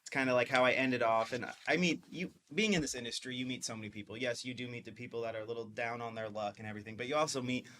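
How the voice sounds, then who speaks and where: A Mississippi dispensary owner in his twenties talks very fast as a podcast guest, barely pausing, in a casual interview. His medium-pitched voice has a fairly bright tone, and he rambles upbeat with many fillers. A little hiss or hum can be heard.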